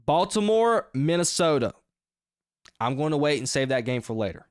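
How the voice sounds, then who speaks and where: A man hosting his own sports podcast, talking through his game picks in a casual, energetic, rambling way with emphatic outbursts. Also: on the high side, normal speed, no room sound, studio quality. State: short of breath.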